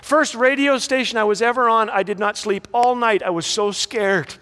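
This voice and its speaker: High-voiced man, echoey hall. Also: moderate pace, pushed and bright. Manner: storytelling with comic timing. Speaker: graduation speaker. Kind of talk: humorous inspirational speech.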